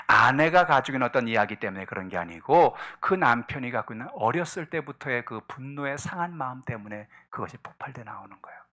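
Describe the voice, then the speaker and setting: A middle-aged man preaching a Sunday sermon as pastor, acting out quoted spouses and parents and swinging from hushed to loud. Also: medium pitch, animated, quick pace, few pauses.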